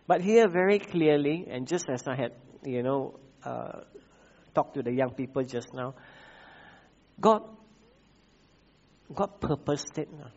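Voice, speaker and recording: A man with a Malaysian English accent preaching a sermon, repeating key phrases and pausing with frequent "uh" fillers. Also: mid-range voice, animated, darkish tone, dull audio. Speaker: pastor.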